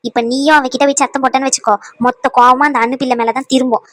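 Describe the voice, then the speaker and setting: Brief: woman, bright high voice, tender cartoon family drama. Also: little pitch movement, rapid-fire, no room sound. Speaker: voice actor for women in a family cartoon.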